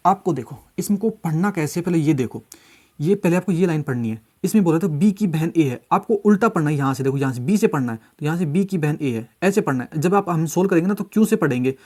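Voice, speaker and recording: A man whose voice is a little high with a darkish tone works through exam reasoning questions from a mock test one step at a time. Coaxing and repetitive, he keeps asking "samjhe?" to make sure his students are following.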